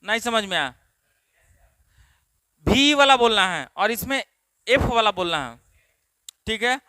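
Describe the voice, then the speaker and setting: A man's voice: sits high, animated, a little slow, sharp tone, smooth, no room sound. A man from Bihar with a Bihari Hindi accent, teaching a spoken English class and asking the students the same questions again and again. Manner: repetitive questioning, drills students. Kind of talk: classroom lesson.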